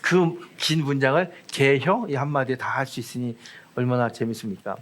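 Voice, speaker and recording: A man's voice: medium pitch, steady tone, moderate pace, fairly bright tone. A middle-aged man, a senior pastor, giving a conversational Sunday sermon, telling stories with humour and speaking directly to the congregation. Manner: chatty, humorous storytelling with asides to the congregation.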